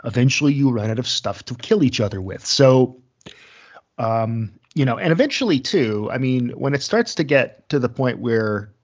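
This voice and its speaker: A man's voice: medium pitch, expressive, moderate pace, lo-fi sound. A man hosting a conversational interview, talking casually and often offering short agreements.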